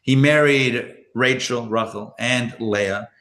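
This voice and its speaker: Speaking slowly in a fairly bright, mid-range voice, a rabbi born in Israel and raised elsewhere teaches Torah live before an audience. His manner is casual, with frequent chuckles and restarts while he handles questions.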